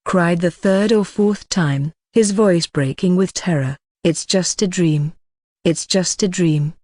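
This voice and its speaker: A text-to-speech narrator reading a dark fantasy novel at a steady, even pace, with occasional mispronunciations. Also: medium pitch, dry recording, studio quality. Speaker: audiobook narrator. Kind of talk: scripted narration of a web novel.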